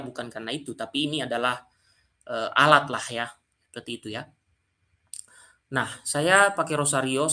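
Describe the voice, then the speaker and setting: A man's voice: medium pitch, bright, forceful tone. A man telling a personal story to his viewers as a channel commentator, often speaking directly to the audience. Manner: addresses listeners directly and often.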